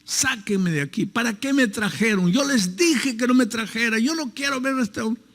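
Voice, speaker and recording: A man's voice: high-pitched, moderate pace, gravelly, big-room sound, pitched above the performer's own voice. A preacher acting out a bitter bedridden young man. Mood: angry, defiant. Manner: shouting, defiant.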